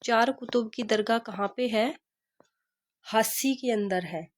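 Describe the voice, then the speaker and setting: A woman teaches an exam-prep class in a slightly high voice. She poses a question, then answers it herself and drills it again and again. Her delivery is steady and patient, built around memory tricks. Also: takes it slowly. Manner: repeats questions and answers, asks rhetorical "kya hai?".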